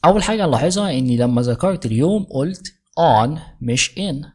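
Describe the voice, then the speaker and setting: A woman with an Egyptian Arabic accent teaching English from a sitcom scene, explaining briskly and saying the English lines slowly and carefully. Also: low-pitched, expressive, darkish tone, breathy edge.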